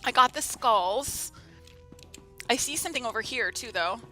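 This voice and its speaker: A woman's voice: fairly high pitch, expressive, normal speed, sharp tone, soft background music. A woman chatting casually and playfully with viewers as she streams a video game, giggly in manner. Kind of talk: casual livestream game commentary and chat.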